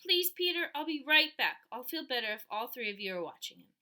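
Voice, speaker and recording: A fussy, doting mother, as a woman reader puts her on, anxious and hurried. Her voice is bright and lifts often as she frets. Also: high-pitched, sing-song, exaggerated voice. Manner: anxious and fussing.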